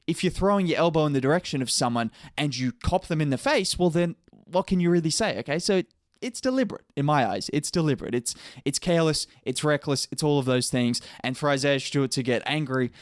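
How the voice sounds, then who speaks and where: A man's voice: a little high, lively intonation, fairly quick, dry recording, clean studio sound. A young man giving rambling, opinionated basketball commentary in a casual talk.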